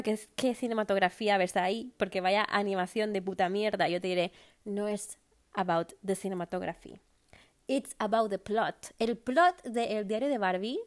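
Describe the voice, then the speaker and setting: A young woman hosting a podcast, talking in a casual, animated, slangy monologue and mixing in English phrases. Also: medium pitch. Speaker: podcast host.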